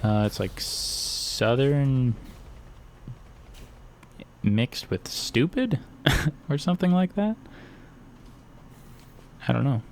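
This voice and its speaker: A man's voice: mid-range voice, big pitch swings, very slow, long pauses, a little hiss or hum. A young man giving casual, rambling commentary while playing a video game, cracking crude jokes as he goes. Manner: rambling, joking, crude humor. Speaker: gaming streamer.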